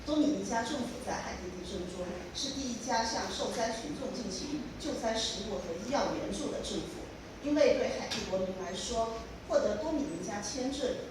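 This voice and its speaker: A woman interpreting a formal speech in a measured, formal way. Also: on the high side. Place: large hall. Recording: echoey hall from far off, noise.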